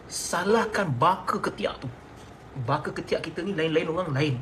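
A man's voice: a little high, moderate pace, background noise. A man from Malaysia with a Malaysian Malay accent, chatting in a playful, exaggerated comic way and laughing often as he promotes a product. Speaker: celebrity endorser. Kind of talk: comedic sponsored chat.

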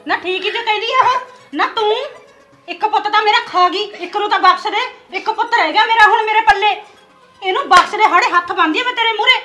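A woman's voice: very high-pitched, fast, pushed and bright, soft background music. A woman playing a harsh, scolding mother-in-law in a short film. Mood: pleading. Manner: scolding, accusing.

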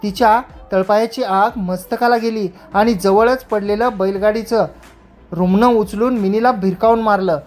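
A woman's voice: mid-range voice, normal speed. Woman narrating a village story. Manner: steady dramatic reading. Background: faint music.

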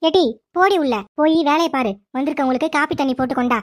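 A woman's voice: sits high, quick pace, no room sound, clean studio sound, lightly acted. A woman voicing a scheming, bossy mother-in-law in a cartoon, barking orders at her daughter-in-law. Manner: commanding, scolding servants. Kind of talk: cartoon voice acting.

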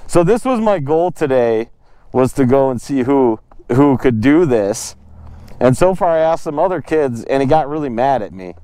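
A young man on a motorcycle vlogs from a residential street with a helmet-mounted action camera, casual and jokey, laughing often. His medium-pitched voice is mellow and expressive, at normal speed, with no room sound.

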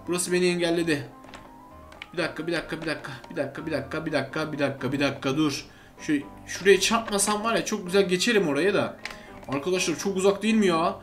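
High-voiced excitable man narrating gameplay. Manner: chatty, groans and shouts when falling, addresses viewers as friends. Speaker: gaming YouTuber. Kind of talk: excited let's-play commentary.

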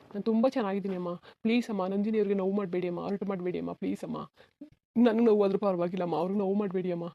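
A woman voicing a sad, self-sacrificing young married man in a cartoon, talking in a soft, resigned, pleading way. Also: medium pitch, fairly even intonation, racing, vocal fry, muffled recording, close to an everyday voice. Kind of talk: cartoon voice acting.

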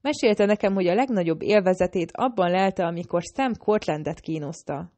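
A woman reading the part of a scheming male assassin in an audiobook, speaking in a low, urgent, persuasive way. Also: expressive, mellow, lightly acted. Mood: taunting.

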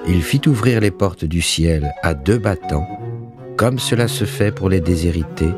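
A man narrating a story in a measured, expressive way. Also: deep voice, over music.

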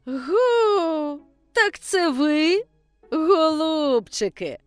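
A woman doing a tipsy, jeering village man from a storybook, stretching his words as he mocks two boys. The voice is pitched high and loud, with wide swings. It is close and dry. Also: very animated, drawn-out words, no room sound, soft background music, heavily acted. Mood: mocking. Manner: mocking, guffawing, drawn out. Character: tipsy mocking middle-aged village man.

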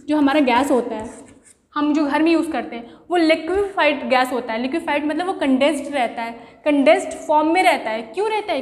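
A woman teacher giving a classroom science lesson, explaining with everyday examples and asking rhetorical questions. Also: high voice. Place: room. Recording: echoey room with long reverb.

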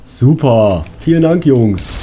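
A man with a warm, medium-pitched voice narrates a let's play casually, talking to himself and letting out crude exclamations. Video game music runs in the background.

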